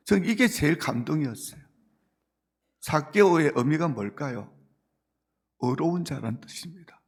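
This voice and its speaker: A man's voice: medium pitch, vocal fry, husky. A male pastor, preaching a sermon earnestly and rising to emphatic points. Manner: earnest preaching, quoting Jesus gently, building to emphatic points.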